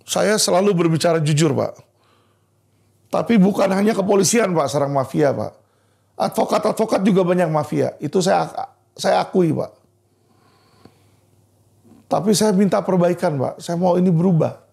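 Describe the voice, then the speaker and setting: A man's voice: high voice, moderate pace, creaky, pauses often, a little mellow. A man speaking as a lawyer, delivering a heated legal commentary and repeatedly addressing an official as "Pak," in a manner. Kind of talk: impassioned legal commentary video.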